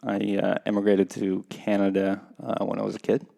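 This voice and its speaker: A Russian man in his thirties, a skydiving competitor, appears as a podcast guest in a casual interview. His voice is on the low side, creaky and warm, with a completely flat delivery, and he speaks reflectively and unhurriedly, hesitating with many pauses.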